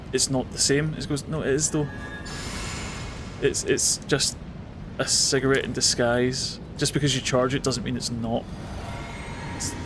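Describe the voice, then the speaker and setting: With game music and other noise in the background, a Scottish-accented man gives casual commentary while gaming, talking to viewers and swearing now and then. He's from Scotland and speaks in a mid-range voice.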